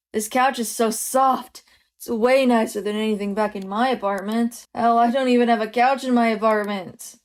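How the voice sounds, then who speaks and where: A woman's voice: a little high, close to an everyday voice. A woman reading a sleepy, scatterbrained young producer. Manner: casual, easygoing, self-deprecating.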